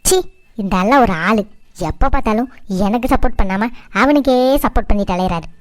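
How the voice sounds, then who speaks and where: A woman's voice: on the high side, a little fast, dry recording, natural voice. A woman playing a scheming, middle-aged Tamil mother-in-law in a cartoon family drama, nagging and complaining in a southern Tamil Nadu accent. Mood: bitter, scheming.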